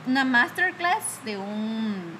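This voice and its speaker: A young woman, casually telling animated stories about bad bosses and peppering them with "¿verdad?". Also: a little high, slow, noisy background. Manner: animated storytelling, acts out her bosses' scolding; frequent fillers like "¿verdad?" and "va". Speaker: guest telling work stories. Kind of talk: casual chat.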